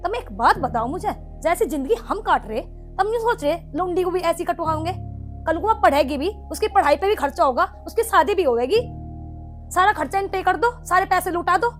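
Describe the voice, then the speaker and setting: A quarrelsome young daughter-in-law who nags and argues in a Haryanvi accent. Her voice is very high, with faint music underneath. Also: expressive, a little fast. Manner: sharp, nagging and argumentative.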